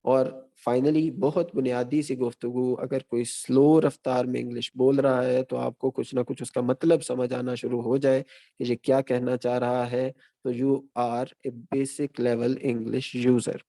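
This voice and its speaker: A man giving an online teaching session as a guest lecturer, speaking in a measured, explanatory way and recapping his points one by one. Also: mid-range voice, flat delivery, gravelly, mellow.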